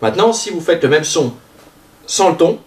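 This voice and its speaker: A man teaching a language lesson, explaining vowel sounds and drawing out example words slowly. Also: on the high side, very animated, distant mic. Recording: roomy sound, voice a bit off-mic.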